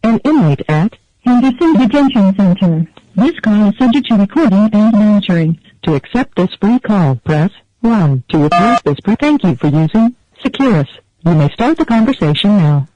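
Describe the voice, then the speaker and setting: Automated woman's voice, prison phone line, flat recorded prompts, mellow tone, dull lo-fi sound, faint hiss. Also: mid-range voice, moderate pace. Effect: recorded announcement heard over a prison phone line. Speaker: automated jail phone system announcer.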